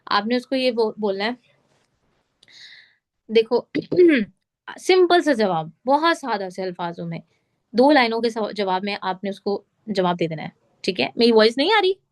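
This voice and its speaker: A woman's voice: mid-range voice, animated, a little slow, pauses often. A woman running an online sales training, explaining step by step and often checking that everyone follows. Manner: instructive, repeats check questions. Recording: call audio.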